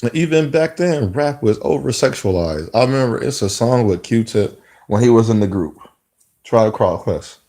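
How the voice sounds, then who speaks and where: With a mellow, mid-range voice, this man speaks at normal speed and with plenty of expression. He's a vlogger in his mid-thirties rambling thoughtfully to camera in a casual monologue, often restarting his sentences.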